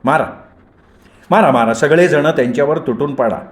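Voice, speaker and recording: A man's voice: mid-range voice, normal speed, natural voice. Man voicing a firm, level-headed leader. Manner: firm, reasoning, restraining. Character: calm level-headed adult male leader Patekar. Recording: roomy echoey recording.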